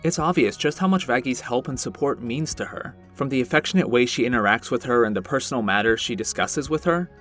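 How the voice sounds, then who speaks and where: Man, video essayist, earnest and reflective commentary, mid-pitched voice, faint music underneath. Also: expressive, fairly quick, hardly any pauses, a bit bright. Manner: earnest, reflective and self-deprecating. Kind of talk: scripted commentary.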